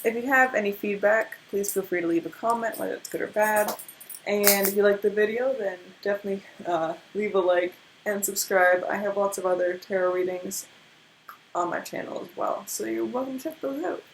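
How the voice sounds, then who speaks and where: A woman's voice: mid-range voice, a little fast, noisy background. A tired young woman with a stutter, giving a casual tarot card reading after very little sleep, with many restarts. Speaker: tarot reader.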